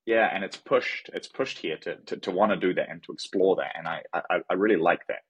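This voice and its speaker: A man's voice: low voice, brisk, husky, no echo, muffled recording. A young man with a New Zealand accent, a podcast guest chatting casually with lots of restarts. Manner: relaxed, frequent restarts and fillers. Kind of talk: casual conversation.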